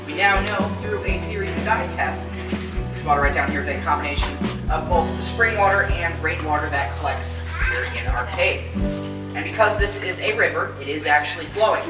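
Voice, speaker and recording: A woman leads a tour group through a cave, explaining each stop and often doubling her words for emphasis. Her voice sits a little low for a woman. It rings out in a roomy cave echo with a long tail. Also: a little fast, over loud music. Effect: cave echo, long reverberation. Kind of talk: guided tour talk to a group. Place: inside a large limestone cave. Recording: echoey cave with long reverb.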